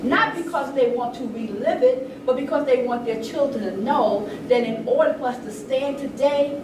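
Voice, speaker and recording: Her high-pitched voice moves at a moderate pace as this older woman talks with passion and emphasis, informally weaving in stories. The setting is an indoor public event, and the distant mic catches plenty of echo and background noise.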